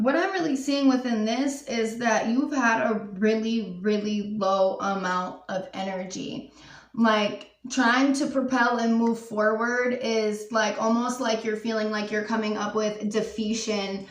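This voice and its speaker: A woman's voice: fairly high pitch, steady tone, takes it slowly, reverberant, far from the mic. A woman giving a pick-a-card tarot reading, earnest and emotional, full of "um" and "like" as she talks. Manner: emotional, earnest, frequent fillers and "like". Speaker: tarot reader.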